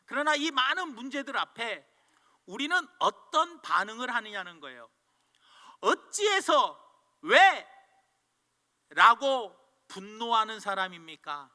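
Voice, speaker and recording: Brief: male pastor, storytelling sermon, high and very bright voice, long church echo. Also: animated, moderate pace. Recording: long church hall reverb.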